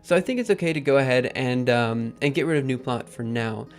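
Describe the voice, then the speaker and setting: A man hosting a live coding stream, thinking aloud in a halting, casual way with many ums. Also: mid-range voice. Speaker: livestream host.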